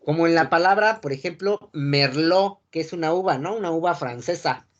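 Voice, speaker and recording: A man with a Mexican accent gives a classroom lecture in front of a board, his voice a little high and the recording muffled. He keeps checking that students follow by asking "sale?", fills pauses with "este" and often restarts his sentences.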